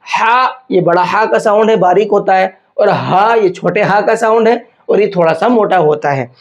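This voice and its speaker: A man teaching a tajweed lesson, patiently asking himself questions and then answering them, and slowing down to draw out words as he demonstrates. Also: sits high, highs cut off. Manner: slows down to demonstrate words drawn out. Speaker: Quran teacher. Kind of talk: tajweed lesson explaining pronunciation.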